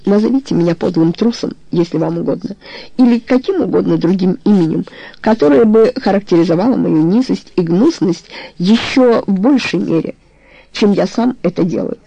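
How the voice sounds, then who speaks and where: Here is a tormented lover from an audiobook romance, voiced by the reader in their own register. He confesses in halting, pleading bursts, and his voice is gravelly and dark. It sits close and dry, with no room around it. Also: mid-range voice, no room sound, rough recording. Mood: anguished pleading. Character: tormented married man confessing love.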